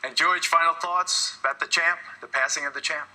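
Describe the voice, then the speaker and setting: A man's voice: fairly high pitch, steady tone, a little fast, sharp tone, rough recording. A man hosting a broadcast talk show, interviewing guests and introducing segments.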